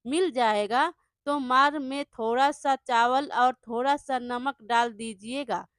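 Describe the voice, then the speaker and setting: Woman voicing a humble, soft-hearted poor farmer. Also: high voice, slow pace, no echo, clean studio sound. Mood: pleading. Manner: humble, pleading.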